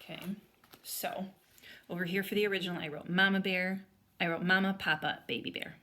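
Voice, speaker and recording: Spelling words aloud as she writes them, this elementary school teacher explains her way through an interactive read-aloud for young children. She has a fairly low, steady, sharp-toned voice and a brisk pace.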